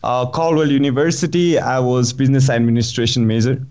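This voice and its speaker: A man's voice: medium pitch, fairly even intonation, fairly quick, darkish tone, smooth. Young male founder from Nepal, hesitant interviewee, muffled audio. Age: 20s. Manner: hesitant, with fillers. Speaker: startup CEO guest. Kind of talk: interview answers.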